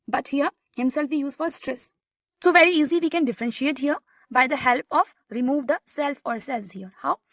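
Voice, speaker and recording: A woman's voice: high voice, gravelly, dry recording. A young woman with an Indian English accent teaching a grammar lesson, explaining step by step and often saying "okay" between points. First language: Hindi.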